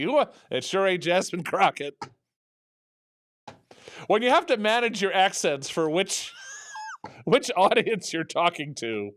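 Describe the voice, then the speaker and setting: Talk host, male, high lively voice, sarcastic rambling rant, dry studio sound. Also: no echo. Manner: animated, rambling, sarcastic, with many restarts. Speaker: radio talk show host. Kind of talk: opinionated political talk.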